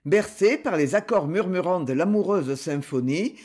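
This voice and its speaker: A man reads an audiobook in a measured, literary way. His voice is high and swings widely in pitch. He speaks slowly, with a slightly husky edge. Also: expressive, a little mellow. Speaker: narrator. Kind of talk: scripted audiobook narration.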